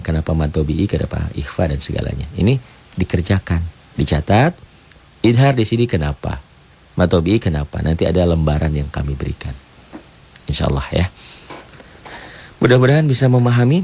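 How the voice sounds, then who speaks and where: Deep gravelly man teaching Quran recitation. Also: dark tone. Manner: explains each rule step by step, chanting verses slowly. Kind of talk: radio tajwid lesson.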